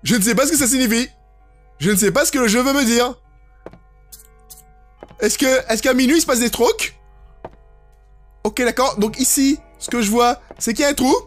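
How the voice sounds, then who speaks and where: Horror let's play host, expressive and jokey, exclaims and swears freely, music underneath. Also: mid-range voice, moderate pace, pauses often. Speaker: gaming YouTuber. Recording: game music behind the voice. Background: horror game music.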